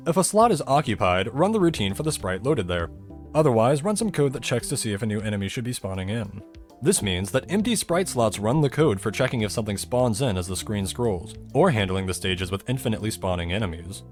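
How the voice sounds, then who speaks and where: Very animated and brisk, a man narrates a scripted, step-by-step technical breakdown of a video game, his pitch swinging widely and his humor dry. Music accompanies the narration.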